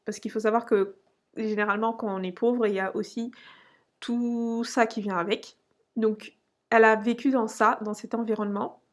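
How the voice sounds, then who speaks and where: A young woman from Portugal telling her personal story to camera, hesitant and full of fillers and restarts. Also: fairly high pitch. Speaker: finance vlogger.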